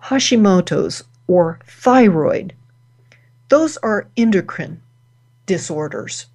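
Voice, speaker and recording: Slow, deliberate woman giving a talk. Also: lowish voice, lively intonation, darkish tone. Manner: slow, deliberate, pausing between phrases. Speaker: host. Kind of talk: spoken wellness talk.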